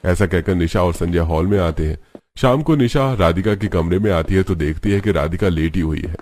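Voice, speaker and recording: Low-voiced man narrating a cartoon story. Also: normal speed. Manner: steady, plain storytelling.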